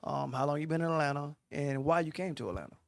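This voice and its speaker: A man hosting a radio show in casual interview chat, loud and joking. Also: a little high, fast, creaky, dry recording, studio quality. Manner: loud, joking, Southern US slang.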